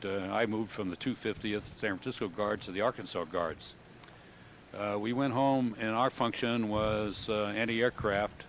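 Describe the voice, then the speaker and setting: An elderly American man, a war veteran in his seventies, remembering his service in a halting, matter-of-fact way, pausing to recall details. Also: fairly low pitch, slight background noise. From United States. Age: 70s. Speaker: World War II veteran giving an interview. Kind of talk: oral history recollection.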